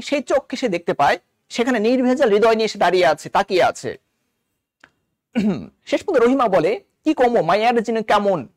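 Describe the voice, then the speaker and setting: A man's voice: extremely high pitch, no room sound, studio quality. A man from Bangladesh, a college literature lecturer, explaining a novel line by line and quoting its characters in dialect.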